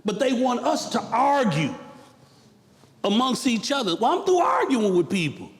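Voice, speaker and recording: A man's voice: very high-pitched, wildly swooping pitch, measured pace. A man speaking on a panel at a symposium, in an emphatic, rising delivery with a preacher's cadence. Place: university event hall. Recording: echoey hall with long reverb.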